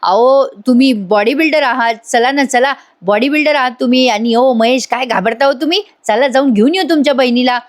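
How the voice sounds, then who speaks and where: A woman's voice: sits high, brisk, hardly any pauses, close to an everyday voice. A woman voicing a meddling older man who goads others and whines for gifts. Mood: wheedling. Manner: wheedling, provoking. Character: meddling cunning older man, Uncle Dattya.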